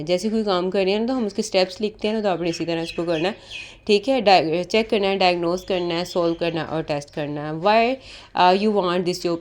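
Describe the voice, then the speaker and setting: A woman teaches interview preparation in a casual way, slipping English words into her explanations. Her voice sits a little low and sounds warm and mellow. She goes through each point patiently, one step at a time. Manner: explains step by step, often repeats "ठीक है"; mixes English terms into Urdu. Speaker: interview prep tutor. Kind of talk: casual spoken lesson.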